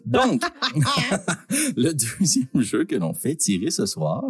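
Animated Québécois man, booming prize announcer. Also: slow, husky. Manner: informal, joking, swearing. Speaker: host of a live-streamed prize draw. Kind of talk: animated live giveaway hosting.

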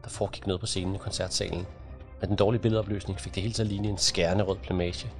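A man reading an audiobook in a measured, even narration. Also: deep voice, soft background music. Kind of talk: scripted narration.

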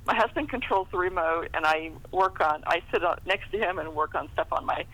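Being interviewed as an author, this middle-aged American woman talks casually and a lot, poking fun at herself with small laughs. Her pitch is fairly low, her pace fairly quick, her tone a bit bright, and the recording rough.

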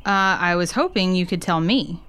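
A woman's voice: on the low side, animated, normal speed, a bit bright, smooth. A woman playing an aggrieved neighbor in an audio drama, mock-casual and pointedly sarcastic. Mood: indignant.

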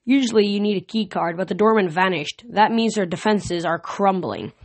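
A woman reading the lines of a worried young male demigod camper in a storybook reading, in her own low-pitched voice. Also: animated, normal speed.

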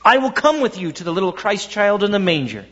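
A man voicing a small timid young tree in a spoken Christmas story, raising his voice high and anxious. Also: big pitch swings, brisk, fairly bright tone, big-room sound, dull audio. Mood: trusting.

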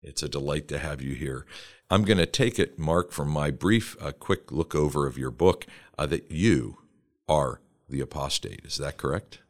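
A man hosting a podcast interview, speaking in a measured, formal, preacherly way. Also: a bass voice. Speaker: podcast host.

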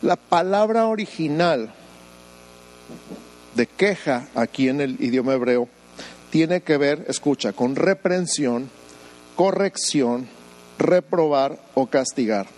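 A man's voice: fairly high pitch, expressive, takes it slowly, long pauses, darkish tone, low-quality recording. A man, preaching a sermon as pastor, firing rhetorical questions at the congregation and breaking off into humorous asides. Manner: acts out voices of doubters in quoted asides.

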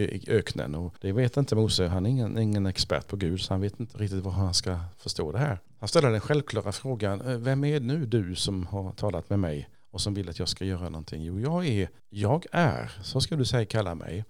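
A man, a priest and Bible teacher, explaining scripture as a podcast guest, thoughtful and slow with pauses and repeats. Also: fairly low pitch, gravelly, no echo, clean studio sound.

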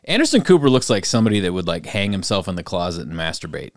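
A man's voice: sits low, very animated, fast, no room sound, studio quality. A man co-hosting a podcast, chiming in with crude wisecracks during political banter. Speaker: podcast co-host.

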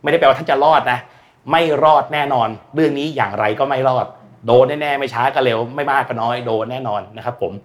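A man's voice: medium pitch, fast. A man talking as a guest expert on energy and climate in casual, blunt, slangy speech, acting out quoted voices. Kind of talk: casual explanatory talk.

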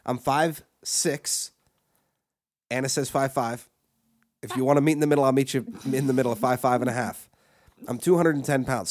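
A man co-hosting a podcast, ranting crudely and profanely, with frequent restarts and repeated words. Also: medium pitch. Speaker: podcast co-host. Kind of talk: crude comedic rant.

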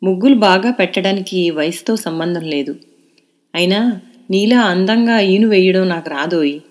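A woman's voice: on the low side, normal speed, close to an everyday voice. A woman voicing a playful, teasing young woman friend in an audio novel.

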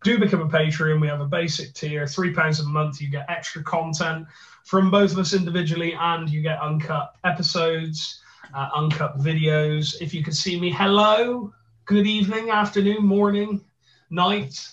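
A man with a gruff voice and a Bristolian accent, co-hosting a podcast in a jokey, playful, casual way. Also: fairly high pitch, steady tone, moderate pace, a bit bright. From Bristol, England. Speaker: podcast co-host. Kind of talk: casual chat, plugging and bantering. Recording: roomy echo, distant mic, slightly dull.

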